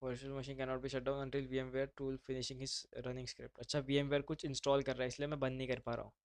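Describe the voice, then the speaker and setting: A man's voice: mid-range voice, flat delivery, normal speed, clear, resonant tone, no room sound. A man teaching a live online class, talking casually and mixing in English terms. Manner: casual, brotherly, mixes English terms into speech.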